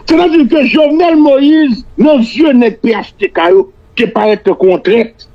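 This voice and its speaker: A Haitian man, native in Creole, giving political analysis and mixing French with Creole, often repeating words haltingly as he builds a point. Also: extremely high pitch. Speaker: political commentator. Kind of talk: political analysis on a talk show. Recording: dull lo-fi radio-like audio.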